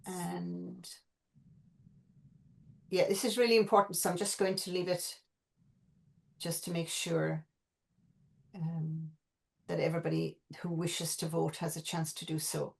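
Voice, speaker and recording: A woman hosting an online meeting, calmly running and announcing a vote. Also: on the low side, measured pace, vocal fry, long pauses.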